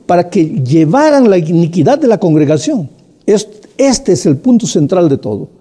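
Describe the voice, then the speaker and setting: A man's voice: high voice, mellow, husky. A man preaching a sermon in an earnest, explanatory way, speaking directly to the listener.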